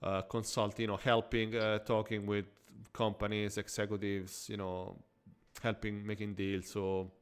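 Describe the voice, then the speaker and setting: A man with an Italian accent hosting a podcast, chatting casually and jokingly, trailing off into quiet asides. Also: on the low side, flat delivery, measured pace, clear, resonant tone. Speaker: podcast host. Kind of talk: casual interview chat.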